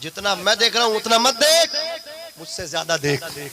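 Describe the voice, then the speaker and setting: A man preaching an impassioned sermon at a large gathering, shouting out lines and pressing the crowd to answer him. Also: high-pitched, sing-song, poor audio. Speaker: Islamic preacher. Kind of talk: fiery sermon with call-and-response. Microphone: handheld mic. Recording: crowd heard throughout.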